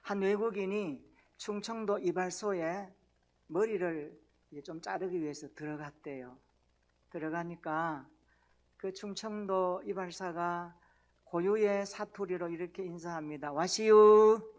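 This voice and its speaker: A man's voice: high-pitched, a little slow. A male pastor preaching a sermon in a church, folksy and joking with the congregation. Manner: folksy, tells jokes and invites the congregation. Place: church sanctuary.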